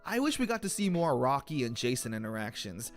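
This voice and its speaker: Animated young man narrating a recap. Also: mid-range voice, fairly quick, faint music behind. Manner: wry, sarcastic commentary. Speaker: host.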